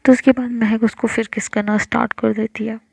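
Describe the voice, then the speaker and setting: A woman's voice: a little high, flat delivery, a little fast, creaky, darkish tone, husky, no echo. A woman telling a love story in casual narration, rambling with many filler words and self-corrections.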